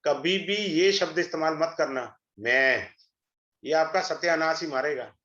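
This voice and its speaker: A middle-aged man giving an astrology webinar, a persuasive, salesy pitch that mixes Hindi and English. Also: a little slow, pushed and bright. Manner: switches between Hindi and English. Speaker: astrology teacher. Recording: echoey room, dull lo-fi sound.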